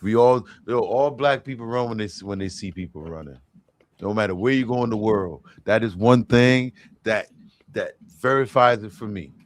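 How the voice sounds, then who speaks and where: A man's voice: lowish voice, normal speed, dry recording. A man co-hosting a casual panel chat, laid-back and reflective. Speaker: co-host of a panel show.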